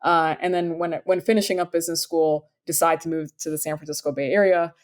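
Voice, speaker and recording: Woman from sudan in her 30s, low voice, upbeat and chatty, lots of ums. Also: fairly even intonation, brisk. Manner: upbeat, enthusiastic, frequent fillers. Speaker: startup founder, guest. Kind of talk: conversational interview answers.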